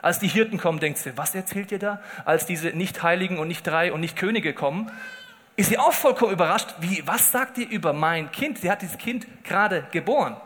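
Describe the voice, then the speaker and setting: A man preaching a humorous sermon. He tells stories in a lively way and acts out the quoted lines. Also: high-pitched. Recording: long hall reverb.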